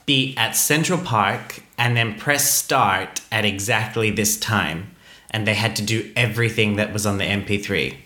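Animated man chatting in an echoey room. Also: moderate pace. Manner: animated, laughs often, jumps into high pitch when excited. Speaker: podcast co-host. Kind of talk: casual chat.

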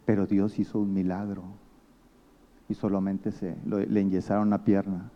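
A man's voice: deep voice, flat delivery, normal speed, lo-fi sound. A man with a Mexican accent preaching a sermon as pastor, telling stories and acting out the people he quotes. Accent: Mexican Spanish.

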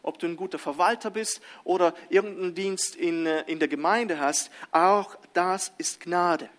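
A man preaching a sermon, reading scripture and then explaining it in an animated way, often restarting his sentences and asking the congregation "Amen?". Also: high-pitched, moderate pace.

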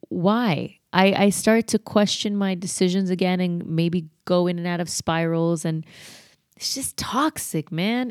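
A woman's voice: on the low side, smooth, no room sound, studio quality. A woman hosting a solo podcast, rambling in a candid, reflective way as she thinks aloud. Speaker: podcast host.

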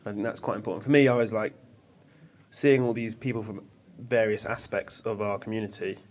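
A man's voice: on the low side, fairly even intonation, brisk. A man chatting casually and earnestly on a podcast. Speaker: football club volunteer and podcast guest. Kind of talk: casual chat. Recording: slightly dull, lo-fi sound.

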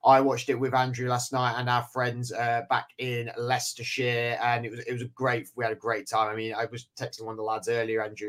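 Hoarse tired guy hosting, mid-pitched, rambling chat. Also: fairly bright tone. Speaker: podcast host. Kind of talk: casual chat.

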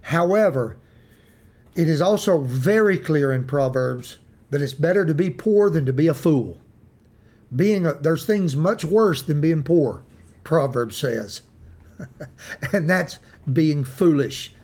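A man with a hillbilly Appalachian accent and a slightly high-set voice leads an informal Bible study. He talks in a folksy, plain-spoken manner, as a church teacher would with people he knows. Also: darkish tone, husky. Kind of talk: informal devotional talk.

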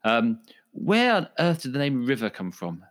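A man's voice: medium pitch, big pitch swings, normal speed. A man hosting an interview podcast, polite and enthusiastic. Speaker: podcast host.

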